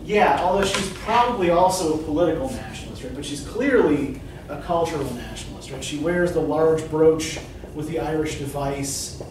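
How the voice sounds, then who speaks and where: In a classroom with a whiteboard, a middle-aged literature professor lectures in a conversational way, asking students questions and often checking with "right?" His voice is on the high side at a moderate pace, and the far-off camera at the back of the room yields echoey, noisy audio.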